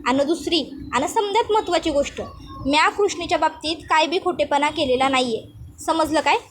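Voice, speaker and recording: A woman's voice: sits high, a little fast, slight background noise, natural voice. A woman voicing a proud elder mother-in-law who scolds defiantly in rustic dialect.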